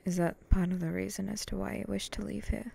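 A woman playing a brooding, vengeful samurai in an ASMR role-play, speaking in a breathy, terse, deadpan way. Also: medium pitch, brisk. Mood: probing, cool. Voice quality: breathy, often dropping in a soft voice.

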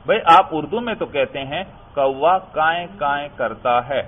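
A man's voice: on the high side, animated. A man from Pakistan teaching Arabic grammar in a classroom lecture. He keeps asking the class questions, answers them himself and calls his listeners brother. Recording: tinny phone-like lecture recording.

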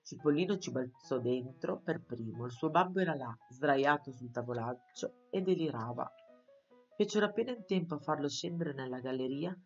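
A woman narrates a children's story in a low, expressive voice, taking her time with each scene. The recording is a little dull, with faint instrumental music beneath her reading. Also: normal speed. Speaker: audiobook reader for schoolchildren.

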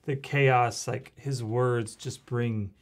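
A man co-hosting a faith reaction show, chatting calmly and explaining scripture in an affirming teaching tone. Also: mid-range voice, slow. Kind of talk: casual chat reacting to a show.

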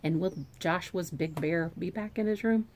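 A woman, a preschool teacher, reading a picture book aloud to young children in an animated, expressive way, with hushed asides, recorded on a phone camera. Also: lowish voice, normal speed, slight background noise.

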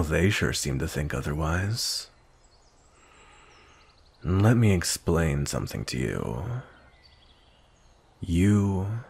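In this roleplay ASMR, a man plays a vampire knight who is grumpy, cold and commanding. His husky, gravelly voice sits low, and his delivery is stern and measured.

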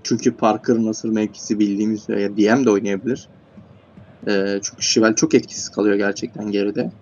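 A man's voice: fairly low pitch, level tone, brisk, a little mellow, lo-fi sound, slight background noise. A man commentating an online football game, rattling off player names and rising sharply when goals go in. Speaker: play-by-play commentator. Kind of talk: esports match commentary.

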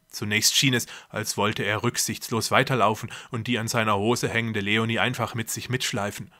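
Man, author reading his novel aloud, bright tone, dry close sound. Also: mid-range voice, dry recording. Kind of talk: audiobook-style reading of a novel.

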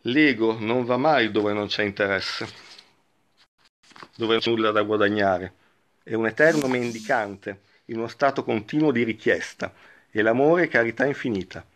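A man giving a reflective spiritual talk and reading a parable aloud, speaking slowly and thoughtfully with frequent pauses. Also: on the low side, fairly bright tone. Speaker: spiritual teacher.

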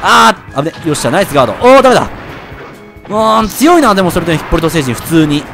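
Excitable, high-voiced male gamer. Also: rapid-fire, creaky, soft background music. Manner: excitable, yelps and shouts at hits. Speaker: let's play gamer. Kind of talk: excited game commentary.

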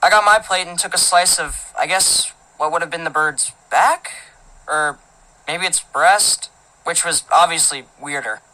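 A woman's voice: on the low side, a little slow, bright, forceful tone, rough recording. A woman narrating a teenage boy's first-person story as an audiobook, in a casual, filler-filled, indignant manner. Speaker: audiobook reader.

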